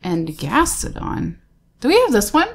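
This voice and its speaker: A woman's voice: fairly high pitch, huge pitch swings, a little slow, gravelly. A woman hosting a casual card-pack unboxing, chatting and naming each card aloud with easy laughs. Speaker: host opening trading card packs.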